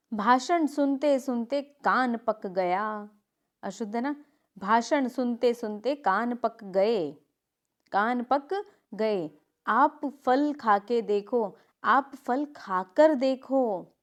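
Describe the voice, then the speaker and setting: A woman teaching a grammar lesson, reading example sentences and correcting them with quick asides. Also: on the high side.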